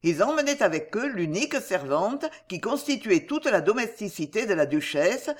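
Expressive audiobook narrator with lively pitch. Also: moderate pace. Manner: dramatic, varied.

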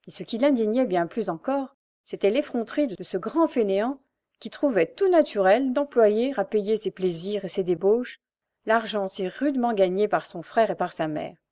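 Female narrator, measured dramatic audiobook reading of a classic novel. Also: mid-range voice, lively intonation, warm tone.

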